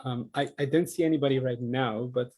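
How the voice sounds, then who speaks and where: A man's voice: medium pitch, steady tone, fairly quick, a little mellow, poor audio. A man, earnestly presenting his social enterprise on a video call, with frequent ums. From Netherlands.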